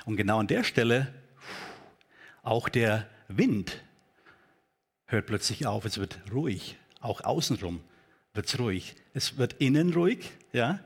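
A man preaching a sermon in a church, talking in a conversational, halting way with many fillers. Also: mid-range voice, breathy edge. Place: church hall.

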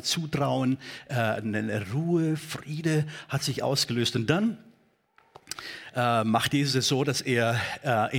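A man preaching a sermon in a church, talking in a conversational, halting way with many fillers. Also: mid-range voice, fairly bright tone. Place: church hall.

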